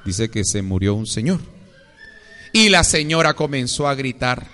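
A man preaching a sermon, with sudden jumps in pitch and calls on the congregation to repeat his words. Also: very animated, a little slow, bright, forceful tone, long reverb tail. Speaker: pastor.

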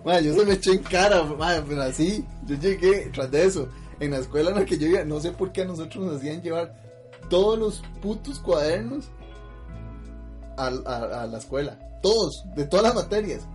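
A man's voice: fairly high pitch, moderate pace, soft background music. Slangy, laughing Costa Rican man. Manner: lively storytelling, laughs easily, heavy slang fillers. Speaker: podcast host telling a story. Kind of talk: casual chat.

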